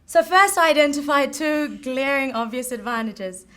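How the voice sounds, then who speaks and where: A young woman with a South African accent giving a lively live presentation on stage at an event. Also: high-pitched, moderate pace. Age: young adult. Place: event stage before an audience.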